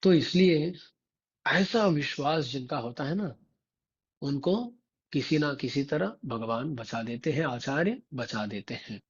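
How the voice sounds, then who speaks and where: A man, a Vaishnava religious teacher, tells a devotional story in a slow, repetitive way and keeps turning to his listeners with rhetorical prompts. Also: medium pitch, lively intonation, husky, lo-fi sound.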